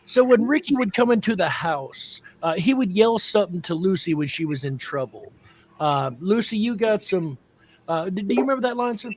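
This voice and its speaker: A man's voice: high-pitched, animated, brisk, a little hiss or hum. A man co-hosting a live stream, chatty and talking straight to the viewers in the chat. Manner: chatty, addresses the chat directly. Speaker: co-host. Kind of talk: casual live-stream talk.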